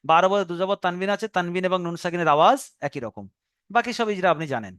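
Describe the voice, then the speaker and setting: A man's voice: sits high, big pitch swings, fairly bright tone, clear, resonant tone, no echo. A male teacher with a Bengali accent explaining Quran reading rules patiently, step by step, in a recorded online lesson. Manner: patient step-by-step explaining, slow drawn-out recitation of example words.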